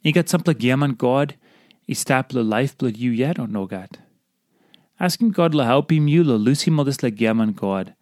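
A man's voice: medium pitch, animated, normal speed, darkish tone, no room sound. Papua New Guinean man, dry close sound. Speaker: devotional reader. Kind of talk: scripted devotional reading in Tok Pisin.

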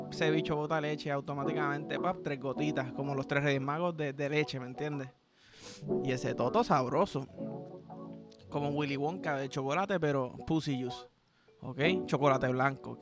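A man with a Puerto Rican accent hosting a podcast, telling crude, playful stories in a rambling, slang-heavy comedic monologue. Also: on the high side. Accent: Puerto Rican Spanish. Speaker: podcast host.

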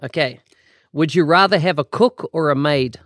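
A man's voice: fairly high pitch, normal speed, fairly bright tone, dry recording, clean studio sound. A man interviewing a guest, encouraging him with frequent affirmations. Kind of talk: interview questions.

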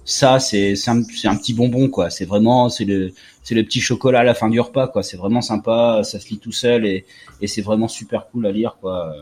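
A man in his forties co-hosting a casual chat, relaxed and talkative with many fillers. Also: on the low side, brisk, breathy edge. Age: 40s. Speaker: podcast co-host. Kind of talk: casual chat about manga.

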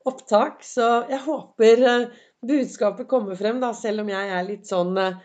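A woman hosting a podcast in a chatty, encouraging motivational monologue, her voice slightly hoarse and her throat often cleared, with many fillers. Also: fairly high pitch, steady tone, a little mellow. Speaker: podcast host. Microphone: semi-pro recording setup.

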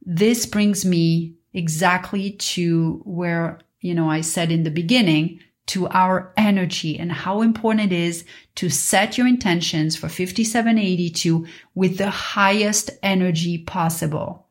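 Low-pitched woman speaking like a spiritual guru. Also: steady tone, measured pace. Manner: spiritual guru, earnest and instructive. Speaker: spiritual podcast host and teacher. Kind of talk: motivational spiritual teaching monologue.

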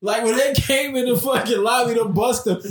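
High-voiced man in an echoey room. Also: moderate pace, a little hiss or hum. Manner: animated, laughs while telling stories. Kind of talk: casual chat.

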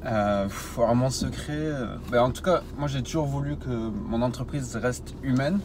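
A man with a southern French accent talks casually as a guest, at a middling pitch. His phrasing is exploratory and a little hesitant, and heavy vehicle noise surrounds him. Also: normal speed. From southern France. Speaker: interview guest, web marketing entrepreneur. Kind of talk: casual conversational interview. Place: inside a taxi. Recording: very noisy, inside a car.

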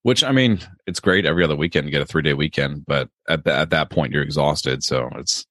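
A young man from Maryland, a police officer and podcast guest, talking casually with many pauses and restarts. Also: rumbling low, a bit bright, dry recording, clean studio sound. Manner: hesitant, many ums and restarts. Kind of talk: casual interview chat.

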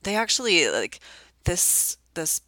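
A woman with a hoarse, sick voice hosting her podcast in a casual, rambling way, with many ums and likes. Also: lowish voice, very animated, takes it slowly, bright, forceful tone, dry recording. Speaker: podcast host. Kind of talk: casual solo podcast chat.

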